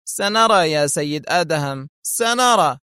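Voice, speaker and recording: A cold, scheming male villain, as a male storyteller puts him on, barking orders with chilly menace. The voice sits well above the reader's usual pitch and grows tense and clipped. The recording is dry and close. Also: brisk, fairly bright tone, no room sound, lightly acted. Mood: cold, commanding. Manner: cold, commanding and strained.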